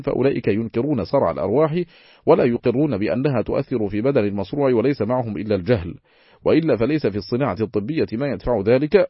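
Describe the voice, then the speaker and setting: A man reading a classical religious book aloud in a steady, formal, recitation-like manner. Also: mid-range voice, husky, no echo, dull audio. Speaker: audiobook reader.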